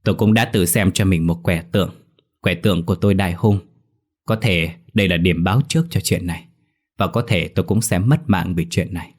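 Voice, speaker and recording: A man voicing an older exorcist master who speaks in a measured, firm and grave way in a ghost story. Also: deep voice.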